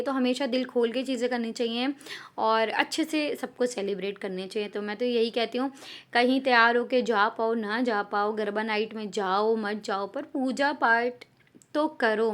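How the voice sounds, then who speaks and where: A woman in her thirties vlogging in a chatty, casual way, mixing English words into her Hindi. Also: on the high side. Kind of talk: casual chat to camera.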